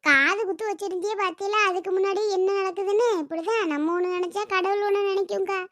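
A woman's voice: extremely high pitch, fairly even intonation, fast talker, no echo. A woman voicing a soothing young aunt. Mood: reassuring. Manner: soothing, gentle. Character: calm reassuring younger aunt. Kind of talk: Tamil village cartoon voice acting.

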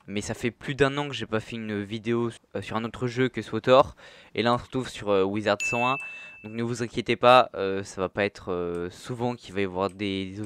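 A man's voice: lowish voice, a bit bright, slight background noise. A young man giving casual commentary over his gameplay as a gaming video host, chatty and full of hesitations. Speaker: gaming youtuber.

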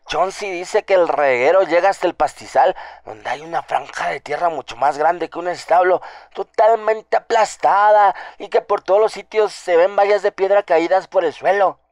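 In a radio drama, a man plays a frightened woman who keeps house on a farm, his voice high and trembling at a moderate pace. Recorded close and dry, she rambles in superstitious alarm, gossiping and repeating herself, sounding terrified and urgent.

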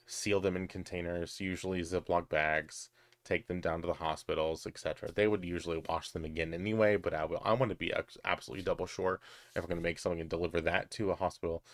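A man's voice: sits low, dry recording. A middle-aged man hosting a crafting channel, answering viewer questions in a chatty, hesitant way with lots of ums and restarts. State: has the hiccups. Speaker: crochet and knitting channel host. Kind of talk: casual Q&A chat.

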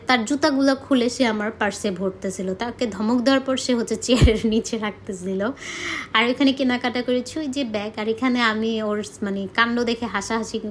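This is a young Bangladeshi woman's vlog narration, fairly high in pitch, with a little background noise. She talks casually and chattily, frequently mixing in English words.

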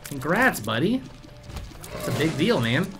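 A male game streamer talking over a video game, joking and reading out donations. His pitch swings widely and freely. Faint game music plays behind him. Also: unhurried. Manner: jokey, excitable, reads out donations. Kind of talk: live gameplay commentary.

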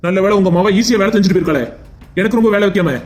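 Cartoon police officer, a man doing the voice, questioning bluntly, brisk. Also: high-pitched, close to an everyday voice. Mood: stern. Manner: curt, questioning. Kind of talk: Tamil cartoon voice acting.

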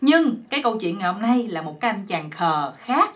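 A woman's voice: medium pitch, sing-song, brisk. A woman with a Southern Vietnamese accent telling a folk joke story in a chatty, rambling, folksy way.

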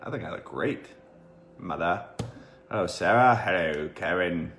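A man co-hosting a casual home livestream, joking and mumbling softly. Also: sits low, lively intonation, measured pace, creaky, echoey room, slight background noise. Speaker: co-host.

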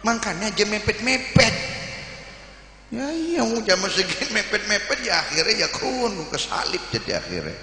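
Bright, animated preacher in an echoey hall. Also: male voice, sits high, moderate pace. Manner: jokey, questions the audience directly; swings between soft asides and shouted exhortation. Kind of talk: live sermon to a crowd. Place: large hall at a live religious gathering. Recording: echoey hall with long reverb.

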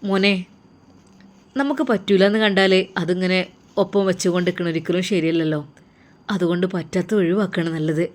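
A woman's voice: lowish voice, fairly even intonation, a little fast, long pauses, pitched below the performer's own voice, lightly acted. A woman voicing a firm, persuasive middle-aged aunt with a Malabar Malayalam accent. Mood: coaxing. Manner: coaxing, persuasive, scolding. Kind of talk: storytelling role voice.

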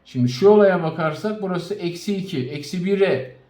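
A male chemistry teacher giving a recorded lesson, addressing his students directly and spelling out compound names slowly, with frequent recaps. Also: sits high, lively intonation, darkish tone.

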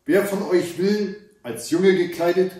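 A stately old prince addresses his daughters in slow, measured tones, as a male storyteller puts him on. The voice sits a little above the reader's own and sounds distant in an echoing room. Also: sits high, dark tone, pitched above the performer's own voice. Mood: fatherly. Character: old prince, fatherly and firm. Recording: echoey room, far from the mic.

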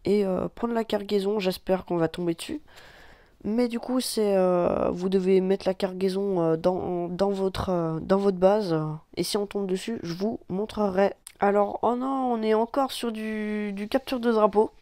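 A man from France giving casual let's-play commentary on a mobile tank game, excitable and quick to swear and cry out at the action. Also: high voice, smooth, no echo. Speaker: gaming YouTuber.

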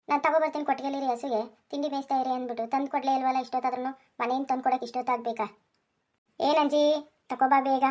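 A woman's voice: high-pitched, natural voice. A woman voicing a fussy middle-aged village farmer husband in a cartoon, grumbling and nagging. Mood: impatient. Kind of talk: Kannada cartoon voice acting.

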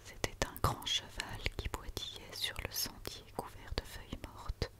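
Woman whispering a quiet night-time tale, slowly. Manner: quiet night-time hush, slow and soothing. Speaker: storyteller reading aloud. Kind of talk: whispered ASMR reading of a children's tale.

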